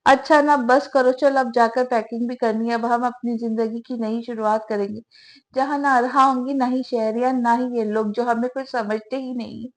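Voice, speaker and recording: A scheming young wife from a romance novel audiobook, as a woman reads her, spiteful and full of self-pity. She whines plaintively in a high voice. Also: fairly even intonation, close to an everyday voice. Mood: coaxing. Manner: whining, plaintive.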